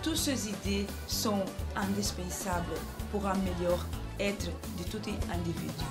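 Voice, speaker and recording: A woman from Belgium answering interview questions as a political candidate, in a measured way with frequent hesitations. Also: mid-range voice, steady tone. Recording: background music throughout.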